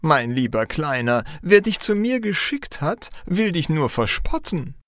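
Guy doing a mocking head cook, squeaky scornful shouts, dry close sound. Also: big pitch swings, a little slow, dry recording. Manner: mocking, high-pitched shouts. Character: scornful male head cook, laughing, loud.

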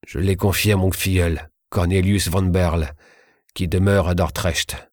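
A man's voice: low-pitched, steady tone, a little slow, a little mellow, no room sound, clean studio sound. A man reading as a wounded, resigned prisoner. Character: wounded male prisoner, weak but calm brother.

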